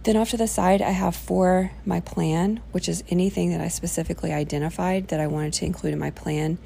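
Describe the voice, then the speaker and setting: Gravelly-edged woman, rambling informally. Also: lowish voice, fairly even intonation, brisk, mellow, slight background noise. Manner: rambling, thinking aloud. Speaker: workshop presenter. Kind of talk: informal self-help workshop talk.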